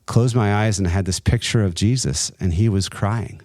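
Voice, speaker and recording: A middle-aged man telling a personal faith story in an interview, earnest and halting, with many restarts. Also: fairly low pitch, darkish tone, no echo, clean studio sound. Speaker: guest, entrepreneur and nonprofit co-founder.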